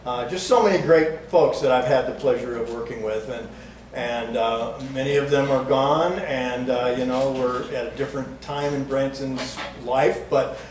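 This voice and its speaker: An older man tells stories to a live audience, chatty and joking, and raises his voice for the bits he acts out. He sounds far from the mic in a roomy hall that echoes. Steady background noise runs under his voice. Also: medium pitch, moderate pace. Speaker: entertainer telling stories at a museum talk. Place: museum event room. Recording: echoey room, distant mic, noisy background.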